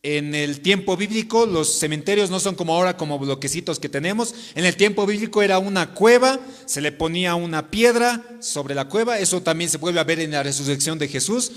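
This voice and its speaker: A man preaching a sermon to his congregation, swinging between loud declarations and hushed pleas. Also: high-pitched, animated, fairly quick, few pauses. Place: church sanctuary. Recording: long church reverb.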